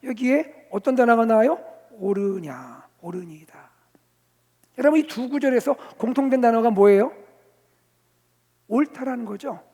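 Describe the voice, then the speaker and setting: A male senior pastor preaching a sermon, telling the story vividly, rising to loud emphasis and dropping to near-whispers. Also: extremely high pitch, animated, normal speed, gravelly, long pauses, slightly rough. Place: church sanctuary. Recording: long reverb of a church hall.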